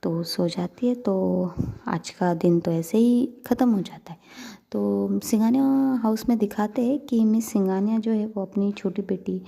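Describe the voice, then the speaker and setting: A woman's voice: medium pitch, unhurried, vocal fry, warm tone. A young woman narrating a story casually, chatty with many fillers, talking to her listeners.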